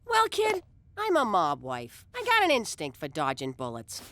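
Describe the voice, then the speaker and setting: A woman's voice: mid-range voice, huge pitch swings, normal speed, fairly bright tone. A woman voicing a sly middle-aged mob wife and mother in an adult cartoon, tough and offhand. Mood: smug.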